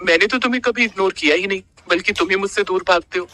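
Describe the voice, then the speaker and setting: A man's voice: sits high, fast talker, sharp tone, faint music behind. A man voicing a coy, scheming young woman. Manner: coy and sugary.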